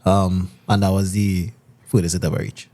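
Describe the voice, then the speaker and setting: A man's voice: sits low, flat delivery, normal speed, dark tone. A man co-hosting a podcast, laid-back and asking questions. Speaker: podcast co-host. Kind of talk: casual podcast banter. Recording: faint background noise.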